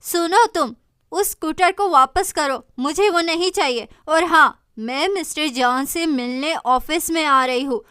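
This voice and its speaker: Woman doing a loud nagging mother. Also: high-pitched, steady tone, unhurried, few pauses, no room sound, studio quality. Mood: scolding. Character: scolding middle-aged mother of poor family.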